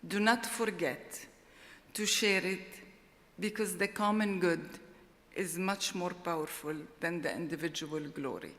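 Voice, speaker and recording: Slow, deliberate woman in reverberant hall. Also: lowish voice, a bit bright. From Lebanon. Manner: slow, deliberate, heartfelt delivery. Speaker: award laureate. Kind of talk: formal acceptance speech. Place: large ceremony hall.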